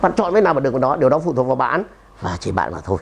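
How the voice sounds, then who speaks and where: A man giving a lively seminar talk to an audience, emphatic and punchy, often firing questions at the room. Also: medium pitch, racing, vocal fry, a little hiss or hum. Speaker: seminar speaker and trainer.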